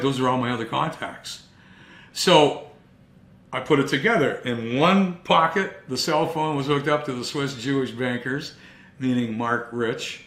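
A man telling his own story in a first-person monologue, earnest and emphatic, with dramatic pauses. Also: mid-range voice, fairly bright tone. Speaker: speaker recounting his own investigation. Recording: roomy echo.

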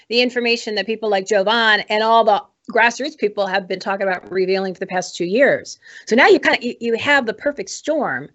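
A woman's voice: on the high side, a bit bright. An American woman hosting a political talk show, giving informal commentary in an emphatic, exhorting manner. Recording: dull, muffled lo-fi audio.

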